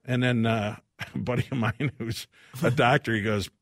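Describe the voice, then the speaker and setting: Male radio host, animated storyteller, mid pitch, close dry studio sound. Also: moderate pace, no room sound. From Illinois. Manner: animated, acts out the voices in his stories. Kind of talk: casual storytelling chat.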